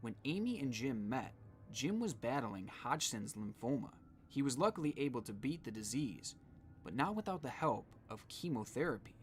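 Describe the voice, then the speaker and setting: A man's voice: medium pitch, big pitch swings, moderate pace, faint music behind. A man giving scripted narration in the style of a true-crime video.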